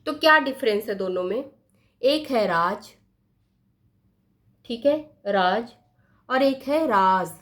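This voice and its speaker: A woman teaching a lesson, writing words on a board and repeating each one slowly, often asking her pupils questions. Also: sits high, expressive, a bit bright. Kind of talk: slow classroom explanation at a board.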